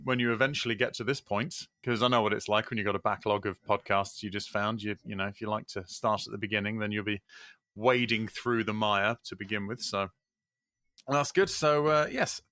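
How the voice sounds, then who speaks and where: A man's voice: medium pitch, bright, forceful tone, clean tone, dry recording, studio quality. A man hosting a podcast, chatting casually with lots of ums and uhs in an upbeat way. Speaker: podcast host.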